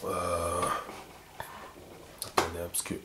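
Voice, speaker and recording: A man's voice: low-pitched, monotone, takes it slowly, sharp tone, roomy sound. A man giving a casual video lesson on writing symbols, chatty and full of fillers, often repeating himself as he explains. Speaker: teacher.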